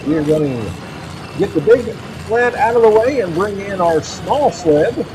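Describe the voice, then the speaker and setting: A man announces a live tractor pull in a high-pitched voice. He stretches out names and figures and repeats them for the crowd. The outdoor track adds clear engine noise behind him. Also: big pitch swings, measured pace. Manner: draws out numbers and names, repeating results. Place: outdoors at a county fair track.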